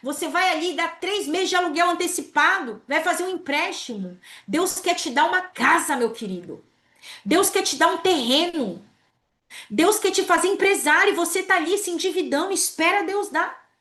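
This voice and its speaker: High-voiced woman preaching animatedly. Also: normal speed. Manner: animated preaching, acting out prayers. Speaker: pastor. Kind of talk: sermon.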